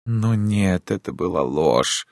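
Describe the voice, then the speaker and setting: A man's voice: sits low, lively intonation, slow pace, a little mellow, no echo, voice pushed up, heavily acted. A man plays a passionate countess who pleads and insists with dramatic intensity, her voice lifted well above his own. The audiobook read is dry and close, with no room sound. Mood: insistent. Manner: dramatic, impassioned, imploring. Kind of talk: audiobook character reading.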